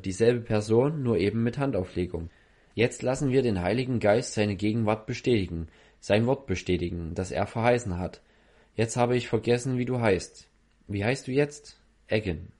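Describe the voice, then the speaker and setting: A man preaching at a healing service, earnestly questioning the person before him in short halting phrases. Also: lowish voice, a little mellow. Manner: earnest, questioning the listener directly.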